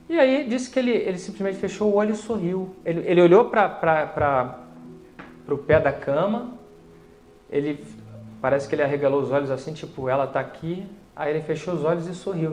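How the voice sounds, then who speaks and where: A man with a Brazilian Portuguese accent tells a story of faith in a chatty, animated way and acts out the dialogue. His voice sits somewhat high. The recording has a roomy echo. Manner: conversational, animated retelling with quoted dialogue. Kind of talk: storytelling testimony.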